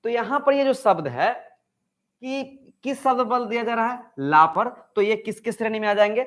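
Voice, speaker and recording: A man's voice: very high-pitched, expressive, moderate pace. A man teaching an online grammar lesson, asking questions and answering them himself. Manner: acts out example sentences with stress.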